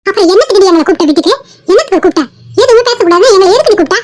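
A woman's voice: extremely high pitch, expressive, rapid-fire, a little mellow, no room sound, clean studio sound. A woman voicing a quarrelsome, scheming old grandmother in a cartoon family drama, scolding and taunting.

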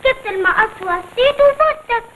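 A woman's voice: very high-pitched, expressive, a little fast, a bit bright, slight background noise. A child actor playing a cheeky, affectionate orphan girl in a 1950s film, talking in a chirpy, singsong way. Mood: teasing. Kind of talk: 1950s Egyptian film acting. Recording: old film soundtrack with music.

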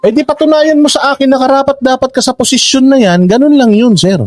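A man's voice: extremely high pitch, steady tone, fast talker, darkish tone, dry recording, faint music behind. A man giving casual political commentary in a sarcastic, argumentative manner.

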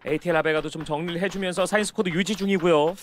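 A man's voice: sits high, fairly even intonation, racing, slight background noise. A man calling a video game match live, play by play, as an esports caster.

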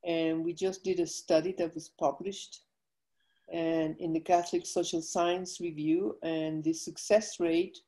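Older woman from Guatemala, warm low voice, weak from illness, earnest, video call. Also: low-quality recording. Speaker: guest, foundation president. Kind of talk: interview over video call.

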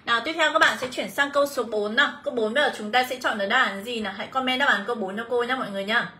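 A woman's voice: a little high, rapid-fire, sharp tone. A young woman teaching English on a livestream, chatty, greeting viewers and reading out their answers. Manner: chatty, reads out student comments, calls class "mọi người". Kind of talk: livestream exam review lesson.

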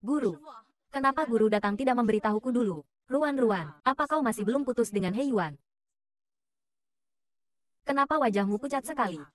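Woman dubbing every part in a short drama, kinda high voice, same plain voice for everyone. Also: expressive, fairly quick, pauses often. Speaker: voice actor dubbing all roles. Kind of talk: dubbed short drama dialogue.

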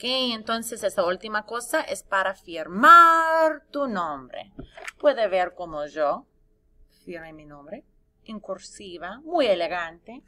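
Slow, lively-voiced woman teacher. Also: mid-range voice. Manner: slow, careful, spelling sounds out. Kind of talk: classroom lesson for young children.

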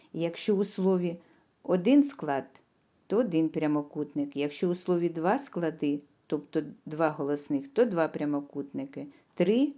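A woman teaching young children. She is patient, asks simple questions and leaves pauses for answers, and she stretches words out syllable by syllable. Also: on the low side, dark tone. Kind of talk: slow, clear lesson for young children.

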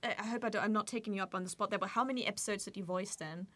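A woman's voice: medium pitch, racing, a bit bright, no room sound. A woman co-hosting a casual chat interview in a studio, reacting readily and repeating her words. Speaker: co-host, interviewer. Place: small radio studio, indoors. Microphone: desk gooseneck microphone.

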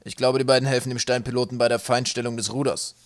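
A man's voice: medium pitch, flat delivery, quick pace, dry recording, close to an everyday voice. A man doing a chatty old sky pirate. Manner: chatty, eager, rambling. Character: older, easygoing male sky pirate, talkative.

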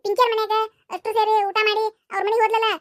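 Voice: flat delivery, fairly bright tone, dry recording, clean studio sound. A voice actor playing a chatty, teasing village boy in a cartoon, speaking with a North Karnataka Kannada accent. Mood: excited. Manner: high, rapid, teasing. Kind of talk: cartoon voice acting.

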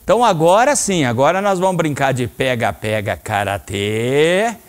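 Lively male karate teacher coaching kids. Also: mid-range voice, normal speed. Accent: Brazilian Portuguese. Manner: lively, coaching commands to children. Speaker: karate instructor. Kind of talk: teaching a children's karate class. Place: training hall, indoors.

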